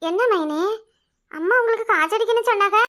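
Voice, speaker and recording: A prying young sister-in-law, played by a woman in a village cartoon, with a Kanyakumari Tamil accent. The voice is squeaky, very high and bright, and she talks quickly. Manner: prying, chatty.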